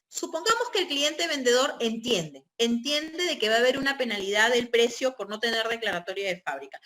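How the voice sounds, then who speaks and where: A woman's voice: a little high, a bit bright. A woman giving an online real estate training lecture, explaining step by step and checking in with her listeners. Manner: explanatory, checks in with tag questions.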